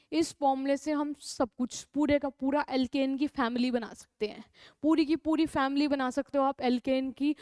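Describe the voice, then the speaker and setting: High, clear-voiced woman teaching chemistry. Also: a little mellow, dry recording. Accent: North Indian. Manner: repeats key terms, asks and answers own questions; calls students "beta", coaxing. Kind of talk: classroom lecture.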